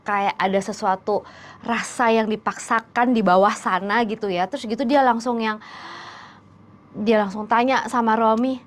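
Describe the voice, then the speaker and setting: A woman's voice: fairly high pitch, steady tone, normal speed. A woman narrating a dramatic story in a casual, chatty way, talking directly to her listeners. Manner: chatty, addresses listeners directly, many fillers.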